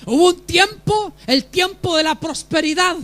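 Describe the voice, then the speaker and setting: A man's voice: very high voice, measured pace, bright, forceful tone. A pastor preaching a sermon with emphasis and putting questions to his congregation.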